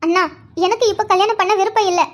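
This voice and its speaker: A woman's voice: very high voice, fairly even intonation, quick pace. A woman voicing a young woman, a tearful younger sister who speaks in a pleading way, in a cartoon. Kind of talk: cartoon voice acting.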